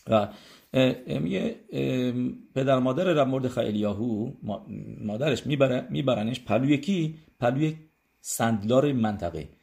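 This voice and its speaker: Male religious teacher, mid-pitched, chatty storytelling lesson, hesitant delivery with "right?" check-ins. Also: animated, vocal fry, darkish tone. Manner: conversational, many hesitations and rhetorical check-ins.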